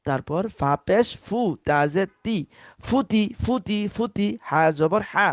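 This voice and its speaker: Male Quran teacher for a repetition drill: slow, patient syllable calls, recorded dry. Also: high voice, lively intonation, no room sound. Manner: slow drilling, repeats each syllable several times; prompts listeners to repeat after him.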